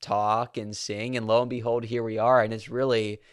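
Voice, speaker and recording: Enthusiastic male host, somewhat low voice, dry close sound. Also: little pitch movement, normal speed, clear, resonant tone, no room sound. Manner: eager, enthusiastic. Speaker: podcast host. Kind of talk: casual interview.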